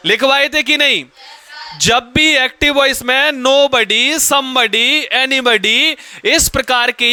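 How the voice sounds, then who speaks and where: A man teaching a classroom grammar lesson, firing questions at the students and pushing them to answer loudly. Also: very high voice, clear, resonant tone.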